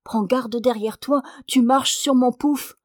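A woman's voice: on the high side, steady tone, takes it slowly, a little mellow, dry recording, clean studio sound. A woman reading aloud, voicing an imperious, impatient young wife who scolds sharply. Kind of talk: audiobook character reading.

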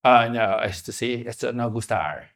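A man voicing a nervous wealthy male visitor who whines softly in a low voice. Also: slow. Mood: uneasy whining. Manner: low, soft and whining.

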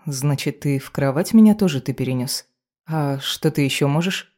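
A reader voicing a young, weary witch who sighs softly and asks questions in an audiobook. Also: sits low, expressive, normal speed. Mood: weary, curious. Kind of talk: audiobook character voice.

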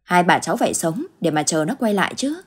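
Lady playing a loud hearty old neighbor lady, husky lowish voice, audio ghost story. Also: big pitch swings, fast. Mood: lamenting. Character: boisterous elderly village neighbor woman.

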